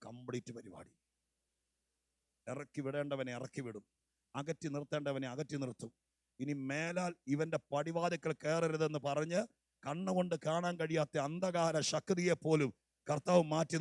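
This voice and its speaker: Gravelly pastor preaching with dramatic swings. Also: male voice, on the high side, dry recording. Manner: preaches with dramatic swings, rising to shouts, acting out voices. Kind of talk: sermon.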